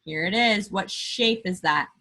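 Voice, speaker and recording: A woman teacher with a bright, clear-cut voice leads little children through a lesson. She speaks slowly and deliberately, as if to a toddler. She puts emphasis on key words and leaves pauses after simple questions. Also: mid-range voice. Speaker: early-grade teacher. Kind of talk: remote math lesson for young children. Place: indoor room, screen-share lesson.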